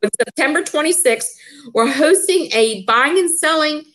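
A woman's voice: sits high, lively intonation, moderate pace, a bit bright. A woman hosting a casual chat about upcoming member events, enthusiastic and full of fillers and restarts. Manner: enthusiastic, repeats herself with many fillers. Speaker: association president hosting.

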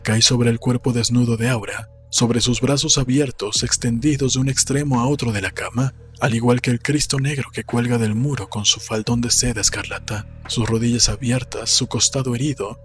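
Here an audiobook narrator, a man, delivers scripted literary fiction with measured solemnity in a mid-range, steady voice. He's indoors in a small room, speaking close to a desk mic with headphones on, soft music behind him.

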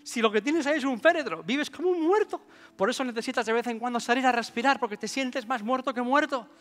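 A man's voice: very high-pitched, fast talker, pitched above the performer's own voice. A man voicing a shrewd, mocking old street beggar who lectures insistently. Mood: lecturing. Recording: long hall reverb, soft music.

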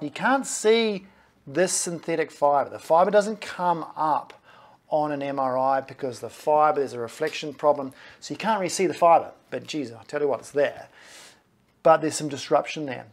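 This fortysomething man, a physiotherapist, has a rather high voice as he chats to the camera about his own knee scans. He's in a small clinic office and keeps punctuating his talk with "okay" and "right."

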